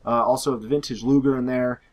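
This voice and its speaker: Speaking fast, with the highs cut off in the recording, a hoarse young gaming YouTuber rambles through viewer questions in a casual Q&A. His mid-range voice is packed with "uh" and "like," and he keeps correcting himself and wandering off topic.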